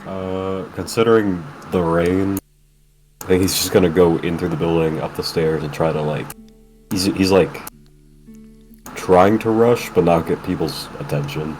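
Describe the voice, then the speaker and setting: A man playing a tabletop game, hesitant and full of pauses. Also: low-pitched, steady tone, a little mellow, faint music behind, low-quality recording. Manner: hesitant, lots of "uh". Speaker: player. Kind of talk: casual tabletop play.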